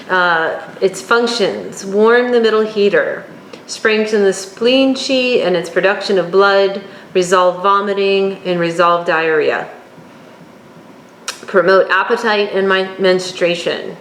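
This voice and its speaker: A woman teaching a course, working through her notes at an unhurried pace with occasional fillers. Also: medium pitch, fairly bright tone. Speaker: instructor. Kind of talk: lecture on herbal oils. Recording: echoey room, faint background hum.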